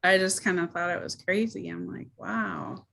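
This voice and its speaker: A woman's voice: fairly low pitch, steady tone, brisk, creaky, a bit bright. A woman chatting casually as an online video creator, modest and somewhat hesitant in how she talks. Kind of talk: casual chat.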